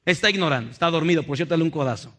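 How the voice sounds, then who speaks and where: High bright-voiced pastor preaching. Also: male voice, racing. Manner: animated, acts out little scenes and jokes with the congregation. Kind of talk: sermon. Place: church.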